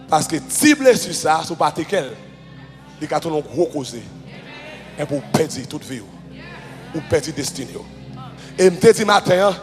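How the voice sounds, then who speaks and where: A man with a Haitian accent preaching a fervent sermon as pastor, shouting and chanting in a sing-song rhythm. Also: fairly high pitch. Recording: reverberant hall with music. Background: music.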